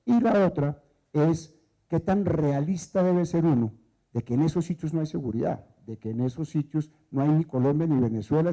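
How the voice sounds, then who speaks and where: Dark-voiced man, reflective. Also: a little high. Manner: reflective, questioning. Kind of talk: panel discussion. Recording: dull lo-fi event recording.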